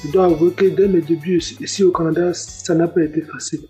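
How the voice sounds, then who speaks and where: A man's voice: a little high, steady tone, fast, warm tone, faint music behind, low-quality recording. A young man giving a spoken religious testimony, earnest and repeating his words often. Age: young adult. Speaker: testimony giver.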